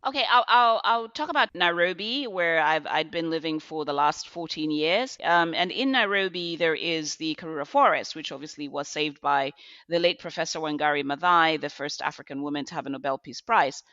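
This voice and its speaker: Woman, middle-aged, bright tense tone, dry dull lo-fi sound. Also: low voice, normal speed, no echo. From Zambia. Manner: reflective, storytelling with restarts. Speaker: guest. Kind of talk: podcast interview.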